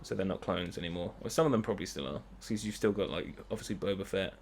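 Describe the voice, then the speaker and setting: A man's voice: low voice, fast talker, a little hiss or hum. Young man riffing dryly over gameplay. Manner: dry joking, rambling asides. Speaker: let's play host. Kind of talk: casual gaming commentary.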